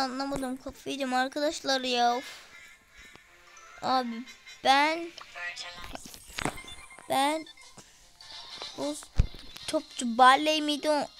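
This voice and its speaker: A woman giving casual, excitable commentary on her gameplay and talking to her viewers. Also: high-pitched, rough recording. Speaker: gaming streamer. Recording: music playing in the background.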